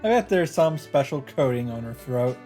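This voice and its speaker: A male let's play host with a warm, mid-range voice reads visual novel narration aloud at a moderate pace with animated intonation. He keeps it casual, tossing in offhand asides, while game music plays in the background.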